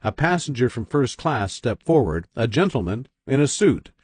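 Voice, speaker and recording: A man's voice: mid-range voice, sing-song, normal speed, darkish tone, breathy edge, no echo. A man narrating a dramatic written story.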